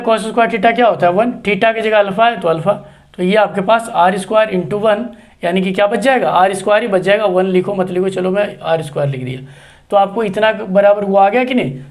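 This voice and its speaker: A man teaching math, explaining a proof step by step. He talks patiently and keeps checking with the students as he goes. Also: high voice. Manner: patient, repeats checks like "see" and "okay".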